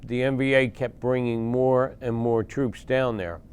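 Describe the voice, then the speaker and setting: A man in his sixties from Philadelphia, a veteran recounting war memories in a plain-spoken, halting way with pauses and fillers. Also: medium pitch, fairly even intonation, darkish tone, clear, resonant tone. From Philadelphia, USA. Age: 60s. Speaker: veteran interviewee.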